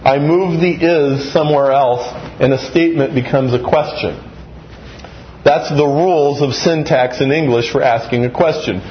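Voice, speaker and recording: A man in his thirties lectures a class, voice sitting a little high for a man, and he bends his inflection to act out examples. The recording is dull and slightly muffled, with a faint hum of the room behind him. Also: normal speed. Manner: animated, acts out example sentences with varied inflection.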